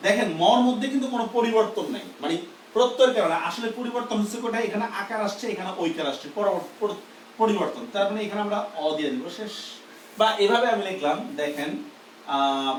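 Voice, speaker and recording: A man's voice: high voice, quick pace, roomy sound, recorded from a distance, slight background noise, poor audio. A man teaches a grammar lesson live. He explains step by step and keeps asking whether the class understands.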